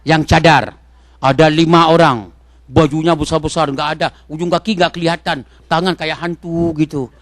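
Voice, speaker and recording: A man from Indonesia preaching a sermon in a mosque, talking straight to the congregation with questions and swinging from loud exhortation to soft asides. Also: a little high, steady tone, normal speed, dry recording.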